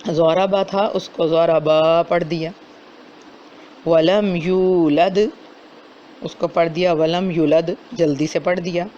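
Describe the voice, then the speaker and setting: A man giving a lesson on correct recitation, stopping to sound out words slowly as examples. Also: fairly high pitch, darkish tone. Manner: slows down to demonstrate correct pronunciation. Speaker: Quran recitation teacher. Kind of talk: explanatory lesson with demonstrated recitation. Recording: dull lo-fi recording with faint noise.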